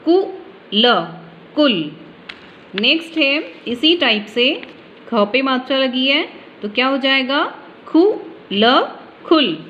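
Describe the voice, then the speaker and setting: A woman teaches a phonics lesson for young children, slowly and patiently, pausing often as she works through each example. Her voice sits a little high. The recording is slightly dull, with a faint hiss behind her. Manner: patient, explaining step by step with many pauses.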